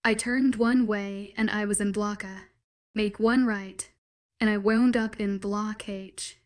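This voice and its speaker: Female narrator, mid pitch, wry conversational audiobook read. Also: fairly even intonation, takes it slowly. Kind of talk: first-person audiobook narration.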